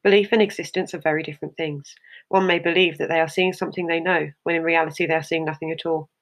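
A storyteller reads a written short story aloud at an even, measured pace. The delivery stays steady from line to line, and the pitch sits in the middle range. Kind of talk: scripted narration of a short story.

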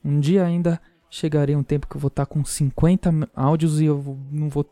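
A man's voice: on the high side, level tone, brisk, dark tone, no echo. A man hosting a casual podcast, joking with and teasing his listeners. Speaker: podcast host.

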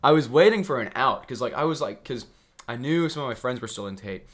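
A man's voice: medium pitch, expressive, a little fast, a bit bright. A young man co-hosting a podcast, telling a story in casual chat, acting out quotes and laughing often. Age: young adult. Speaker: podcast co-host.

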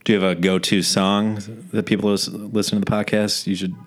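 Very deep-voiced man chatting easily. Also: flat delivery, brisk. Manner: easygoing, searching for words, storytelling. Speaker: podcast co-host. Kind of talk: casual chat.

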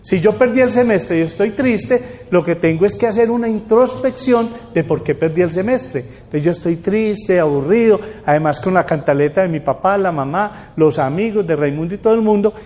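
An older man giving a lively public talk, often asking the audience rhetorical questions. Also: high-pitched, normal speed, hardly any pauses. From Colombia. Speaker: lecturer. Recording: long hall reverb.

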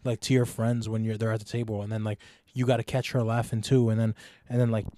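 Fast-talking young man, teasing banter. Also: lowish voice, level tone, warm tone, no echo, studio quality. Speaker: podcast co-host. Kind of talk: casual chat.

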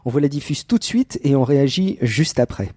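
A man's voice: mid-range voice, sing-song, fairly quick, mellow, breathy edge, dry recording. A male podcast co-host chatting casually, hesitant and full of fillers as he corrects himself. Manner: hesitant, many fillers, apologetic. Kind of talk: casual chat.

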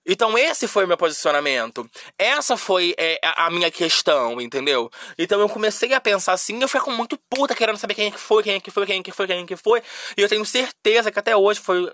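High, bright-voiced young Brazilian man. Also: animated, quick pace, no echo, studio quality. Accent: Brazilian Portuguese. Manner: emotional, repetitive, lots of fillers. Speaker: podcast host. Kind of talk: confessional personal storytelling.

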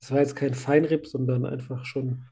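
With a warm, mid-range voice and flat delivery at normal speed, a man in his thirties from Germany hosts a casual podcast. He has a cold, rambles cheerfully, laughs a lot, and works as a site manager.

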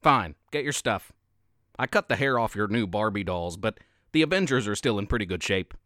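A man's voice: fairly low pitch, animated, normal speed, a bit bright, no echo, clean studio sound, pitched below the performer's own voice. A man voicing a rude young schoolboy bully with a mocking, brash way of talking. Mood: sulky.

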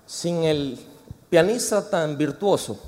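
A man's voice: fairly high pitch, slow. A man with a Mexican accent preaching a sermon, chatty and joking with the congregation. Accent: Mexican Spanish. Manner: animated, joking and chatty with the audience. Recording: reverberant hall.

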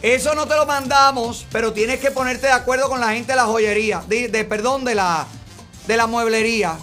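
A man's voice: extremely high pitch, moderate pace, sharp tone, faint music behind. A man hosting a live call-in game show, teasing and joking with callers. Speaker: host.

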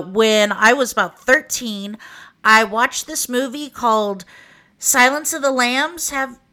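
Bright-voiced woman with an Okie accent. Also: mid-range voice. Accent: Oklahoma (Okie). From Oklahoma, United States. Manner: candid, informal, wry. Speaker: podcast host. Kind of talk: conversational personal monologue for a true crime podcast.

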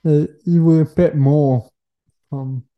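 A man hosting a casual podcast interview in halting, fragmented phrases. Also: fairly high pitch, fairly even intonation, dull audio. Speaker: podcast host.

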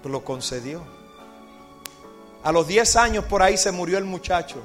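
A man's voice: high voice, animated, moderate pace, soft background music. A male pastor preaching an evangelistic sermon, telling the story dramatically and putting questions to the congregation. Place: church service with congregation.

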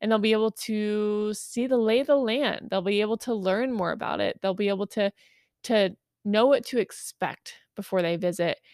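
A woman's mid-pitched voice hosting a weekly podcast. She talks casually and warmly upbeat, with lots of fillers. The recording is dry, with no room sound. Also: normal speed, dry recording. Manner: chatty, upbeat, many fillers. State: just over a cold. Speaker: podcast host.

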